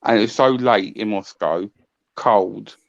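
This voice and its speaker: A man's voice: lowish voice, unhurried, vocal fry, no room sound, muffled recording. A man on a football podcast panel, telling stories and reminiscing about past matches. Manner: reminiscing, storytelling. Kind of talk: casual football chat.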